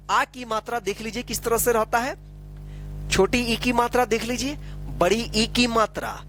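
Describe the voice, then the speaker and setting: A patient teacher, a man, explains a lesson step by step. He keeps asking questions and answering them himself, with soft music faintly behind him. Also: high-pitched. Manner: slow, patient explaining with frequent tag questions.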